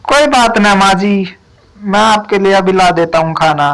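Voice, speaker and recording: A woman doing a gentle crow son. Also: mid-range voice, normal speed, slight background noise, natural voice, low-quality recording. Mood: caring. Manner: gentle, reassuring. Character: dutiful male crow son, gentle and caring. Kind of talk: cartoon voice acting.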